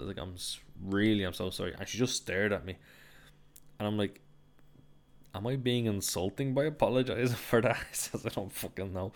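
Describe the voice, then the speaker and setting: An Irish man telling a travel story to camera in a casual, chatty way, swearing freely and laughing at his own mishaps. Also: sits low. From Ireland. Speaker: travel vlogger.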